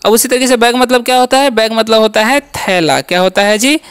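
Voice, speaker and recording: A man's voice: very high voice, fairly quick, fairly bright tone, clear, resonant tone. A man teaching English as a channel's teacher, drilling letter sounds with repeated questions and answers and frequent "okay" check-ins. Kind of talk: classroom-style lesson.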